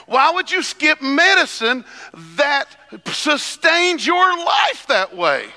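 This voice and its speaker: Male preacher, high bright voice, slow delivery, at a pulpit microphone in a reverberant church hall. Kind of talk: sermon.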